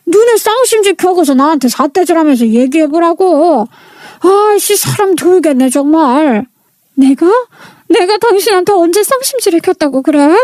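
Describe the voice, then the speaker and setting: A woman's voice: very high-pitched, lively intonation, moderate pace, a little mellow, no echo. A woman voicing a defensive, irritable husband caught cheating. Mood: irritated.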